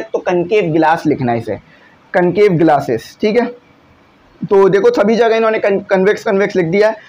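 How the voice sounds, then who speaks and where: A man's voice: sits high, darkish tone, muffled recording. A male teacher, patiently explaining exam answers in a classroom lesson and often checking in with his students. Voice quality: glasses wearer.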